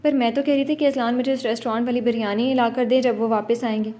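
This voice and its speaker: A woman voicing a playful, chirpy young wife in an audiobook romance, quick and teasing. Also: on the high side, dark tone, lightly acted.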